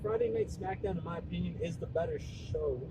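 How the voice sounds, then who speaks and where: A man's voice: a little high, fairly quick. A man chatting in a car with friends, playful and joking. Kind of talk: casual chat in a car. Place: inside a moving car. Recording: distant voice over car noise.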